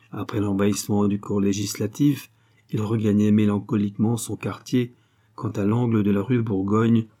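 Husky, dark-voiced male audiobook narrator. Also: on the low side. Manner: measured, literary reading. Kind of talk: scripted narration.

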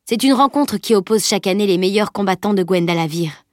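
A woman's voice: medium pitch, a little fast, dry recording, clean studio sound, lightly acted. A woman reading a burly jovial knight. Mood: earnest telling. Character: huge jovial male knight, gruff and teasing.

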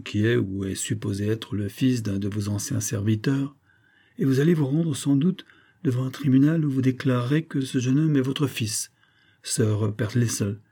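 A man's voice: mid-range voice, dark tone, slightly rough. A man reading the part of a scheming middle-aged major, insistent and coaxing.

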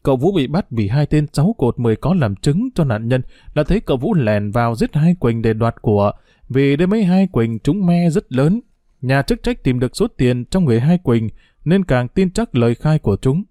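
Brief: male narrator playing a stern, caring older woman in an audiobook; grave, unhurried, mellow. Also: mid-range voice, lively intonation, dry recording, clean studio sound, close to an everyday voice. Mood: sorrowful. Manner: grave, solemn storytelling.

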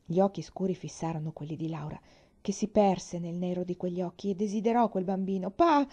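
A woman reading a children's novel aloud at a slow, expressive pace. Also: on the low side, breathy edge. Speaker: reader. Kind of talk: audiobook narration.

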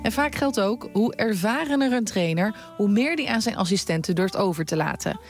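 A woman reporter narrating a sports radio feature in a measured, clear way and putting questions to a guest. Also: mid-range voice, lively intonation, soft background music.

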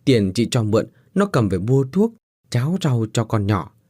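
A man's voice: medium pitch, very animated, normal speed, mellow, husky, no echo, studio quality. A man voicing a sympathetic middle-aged landlady recounting sad news in a sighing, matter-of-fact way.

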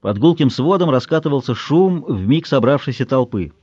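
Male audiobook narrator, measured and expressive, lively pitch, dry dull recording. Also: breathy edge, dry recording. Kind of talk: scripted narration.

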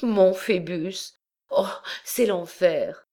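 A woman's voice: on the low side, drawn-out words, mellow, voice pushed up. A woman reading aloud voices a terrified young girl on trial, pleading and crying out in anguish. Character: terrified young Roma dancer on trial, desperate.

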